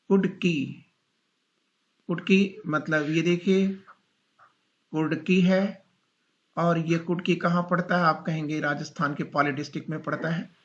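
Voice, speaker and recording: A male teacher giving a classroom lecture, dictating slowly and repeating points as he asks his students questions. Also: a little high, muffled recording.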